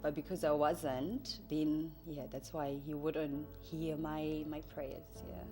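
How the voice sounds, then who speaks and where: Taking it slowly in a low, steady voice, a church member recounts her life with hesitant reflection. She is in her early thirties, speaks Shona natively, and has a Zimbabwean accent, and music can be heard behind her.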